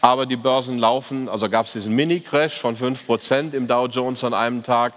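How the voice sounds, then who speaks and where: A man speaks on stage at a conference, reviewing the stock market in an opinionated, ironic way. He hesitates often with fillers. His mid-pitched voice rings with the long reverb of a large hall. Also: fairly even intonation, fairly quick. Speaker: fund manager giving a market review. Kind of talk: conference talk.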